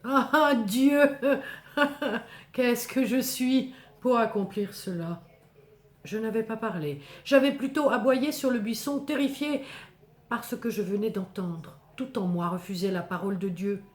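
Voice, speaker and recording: A woman's voice: a little high, natural voice. Woman as fearful Moses, echoing storytelling. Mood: terrified. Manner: theatrical, intense, measured short phrases. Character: Moses, terrified humble male shepherd telling his encounter. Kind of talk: dramatic first-person biblical storytelling. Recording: echoing, reverberant voice recording.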